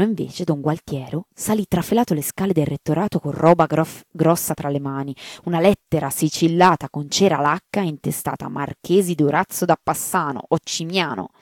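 A woman reading a serialized story aloud for radio in a measured, theatrical way. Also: deep voice, darkish tone, no echo, clean studio sound. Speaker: story reader.

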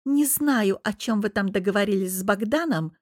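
A woman's voice: mid-range voice, moderate pace, no echo, studio quality, close to an everyday voice. A woman reading an audiobook who voices a jealous, scheming young woman with a sulky, purring, spiteful manner.

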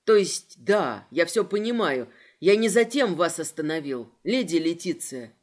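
A woman's voice: fairly low pitch, very animated, measured pace, a little mellow, voice pushed down. A woman voicing an earnest young lieutenant. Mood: pleading. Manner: earnest, pleading.

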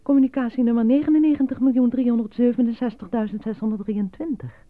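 In a radio play, an actress voices a measured announcer reading slogans and lonely-hearts ads with formal, deliberate delivery. Her natural voice sits a little high, with fairly even intonation. The sound is dry and thin, like an old telephone recording.

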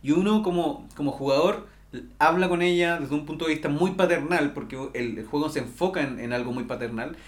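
A young man with a Chilean accent, telling a story in a casual podcast chat, excited and laughing as he talks. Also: on the high side, brisk. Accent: Chilean Spanish. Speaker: podcast co-host.

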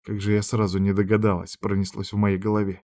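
A man's voice: lowish voice, level tone, quick pace, dark tone. A man narrating a dramatic audiobook in a tense storytelling manner.

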